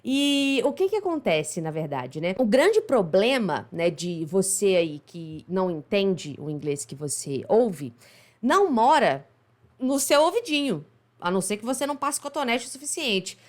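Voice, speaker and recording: A woman's voice: medium pitch, sing-song, a little slow, a little mellow. A Brazilian woman with a Minas Gerais accent, explaining pronunciation in a chatty online lesson, often asking "right?". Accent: Minas Gerais Portuguese. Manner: chatty, explanatory, frequent tag questions. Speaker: English pronunciation teacher.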